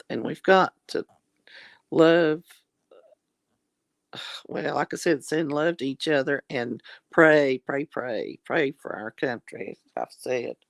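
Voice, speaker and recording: Sitting low in pitch, a woman's slow, gravelly voice is fading as she clears her throat and reads out comments from viewers during a casual live chat. There's no room sound. Her manner is folksy and religious, full of "honey," "darlings" and "Lord have mercy."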